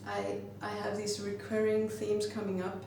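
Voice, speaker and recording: This woman from Iceland, a glass artist, reflects on her own pieces and frequently stops mid-thought to search for words. She speaks at a normal speed in a medium-pitched, sing-song voice, captured by a distant mic in a very echoey, noisy space.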